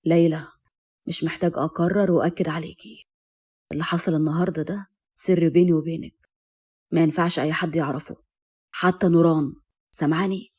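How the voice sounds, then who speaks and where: A woman voicing a calm, commanding young man with an Egyptian accent, speaking low and controlled in an audio story. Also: fast, long pauses, breathy edge. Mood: cold warning.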